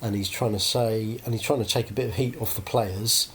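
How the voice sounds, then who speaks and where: A man's voice: on the low side, fairly even intonation, fairly quick, a little hiss or hum. A man hosting a casual podcast chat, hedging often and ending points with tag questions.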